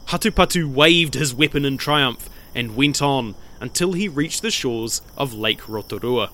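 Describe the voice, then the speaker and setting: A man telling an old legend in measured, expressive storybook narration. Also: mid-range voice.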